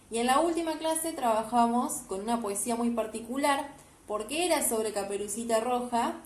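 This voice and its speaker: A woman primary school teacher, explaining homework to children step by step. She is patient and keeps checking that they follow. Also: fairly high pitch. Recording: echoey room, faint background hiss.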